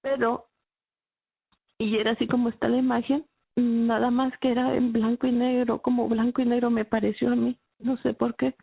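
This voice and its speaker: A woman giving a halting, emotional personal faith testimony, with many restarts. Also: on the high side, flat delivery, gravelly, breathy edge, dry recording. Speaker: testimony speaker. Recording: dry, phone-like narrow sound.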